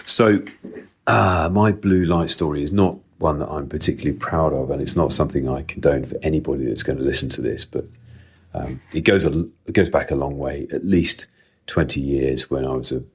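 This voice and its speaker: A middle-aged man speaking through a voice changer that makes him sound very deep, telling a rambling story in a recorded voice message as a listener. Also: fairly quick, fairly bright tone, husky. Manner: chatty, rambling storyteller with filler ums. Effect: voice changer pitching the voice very deep.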